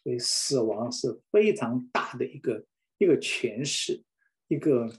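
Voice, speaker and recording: A man's voice: medium pitch, expressive, measured pace. A middle-aged man preaching a sermon with fervent emotion, repeating phrases for emphasis.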